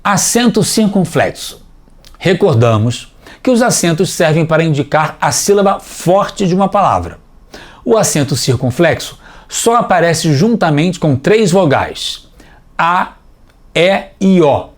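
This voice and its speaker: A man teaching a scripted TV language lesson for children, explaining clearly and patiently, step by step. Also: on the high side, sing-song, a little slow.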